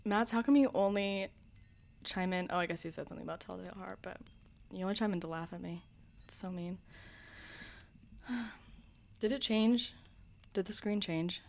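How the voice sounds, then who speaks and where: Her mid-range voice is darkish, with vocal fry, as this woman hosts a livestream at a moderate pace with frequent pauses. She talks straight to chat in a soothing, casual way, teasing her viewers and poking fun at herself.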